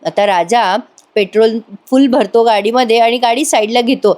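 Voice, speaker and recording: Woman, fairly high voice, chatty, voice-over, storytelling recap, conversational. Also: normal speed, a little mellow. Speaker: TV serial reviewer. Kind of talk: casual retelling of a soap episode.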